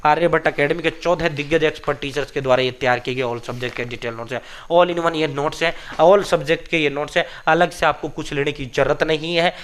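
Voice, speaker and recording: A man speaks in a fairly high voice. He pushes his points hard and circles back to them again and again, calling out to viewers as brothers while he gives exam updates and sells study notes. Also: fairly even intonation, fairly quick, few pauses, a bit bright. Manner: emphatic, repetitive, addresses viewers as brothers. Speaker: coaching channel host. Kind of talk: exam news and sales pitch.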